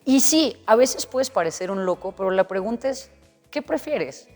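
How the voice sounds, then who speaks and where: A woman's voice: medium pitch, animated, moderate pace, darkish tone. Earnest woman coach, echoey with music. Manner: earnest, explanatory, acts out inner dialogue. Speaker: guest coach. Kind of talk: interview conversation. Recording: long reverb with faint music.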